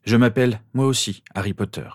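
A man's voice: on the low side, fairly quick, darkish tone, no echo, studio quality, natural voice. Earnest teenage boy, voiced by a man reader, plain and explanatory.

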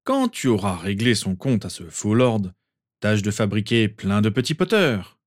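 A man voicing a fond father who speaks firmly but gently in a read-aloud story. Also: fairly low pitch, sing-song, unhurried, no echo, clean studio sound. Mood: jovial.

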